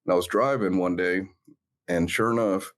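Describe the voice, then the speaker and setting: In a sit-down interview, a middle-aged man with a low, deep voice shares a personal story as a guest who founded a law enforcement brand. His tone is steady, earnest and reflective, and he often pauses on "uh" and restarts sentences while working through the memory.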